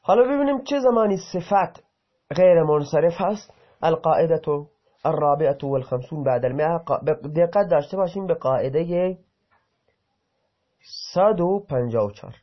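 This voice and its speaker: A man's voice: on the high side, lively intonation. A man teaching an Arabic grammar lesson, reading example sentences aloud and then explaining them, sometimes breaking off to correct himself. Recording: dull lo-fi recording.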